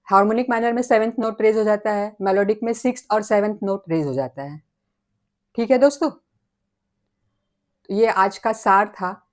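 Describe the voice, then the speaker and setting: A woman giving a relaxed spoken piano lesson, patiently counting tones and semitones and singing note names as she plays. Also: medium pitch. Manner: slow and patient, counting notes aloud. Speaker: piano teacher.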